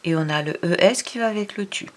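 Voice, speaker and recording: Talking fast in a low-leaning voice, a woman teaches a child to read, breaking words into syllables and patiently explaining. As the reading teacher, she addresses the child directly throughout.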